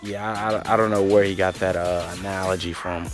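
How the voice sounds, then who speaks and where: Laid-back low-voiced radio co-host. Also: male voice, steady tone, brisk, music in the background. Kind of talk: casual sports radio chat.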